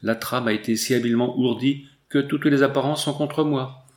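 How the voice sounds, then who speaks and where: A man's voice: medium pitch, steady tone, normal speed, lightly acted. A man voicing a wronged young woman who pleads earnestly and insists on her innocence, in a storybook reading. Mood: distressed. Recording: roomy echo.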